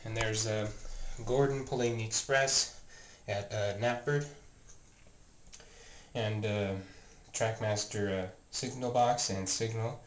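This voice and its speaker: A toy train vlogger speaks slowly in a fairly low, stuffy and scratchy voice with fairly even intonation. Touring his train room at home, he rambles casually through the show-and-tell, often using fillers, restarting and correcting himself. A handheld camera mic films him from close by.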